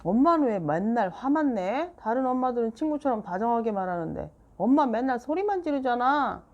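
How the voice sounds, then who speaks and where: A woman's voice: fairly high pitch, expressive, brisk, highs cut off, voice pushed up. A woman reading a children's book aloud and voicing a hurt, sulky young girl who whines and cries. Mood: upset. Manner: whiny, tearful.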